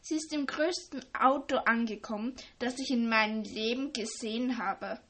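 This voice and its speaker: A woman reading the part of an excited, gossipy teenage schoolgirl in a storybook. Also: fairly high pitch, moderate pace.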